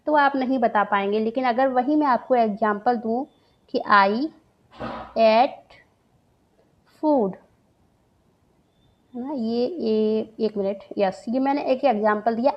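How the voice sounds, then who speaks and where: A woman's voice: fairly high pitch, highs cut off. A woman teaching grammar for an exam, patient and repeating each point while mixing English terms into her explanations. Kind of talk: exam-prep grammar lesson.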